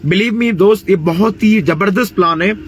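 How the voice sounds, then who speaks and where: A man in his late twenties from India, delivering a persuasive motivational sales pitch for network marketing. He mixes English phrases into his talk, leans on fillers like "you know" and often clears his throat. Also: normal speed, slight background noise. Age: 20s.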